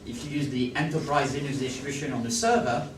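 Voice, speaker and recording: A fast-talking man with a mid-range voice and French accent is presenting at a conference in a large hall. Animated, he keeps asking whether listeners follow him and agree. The sound is distant and roomy, with background noise.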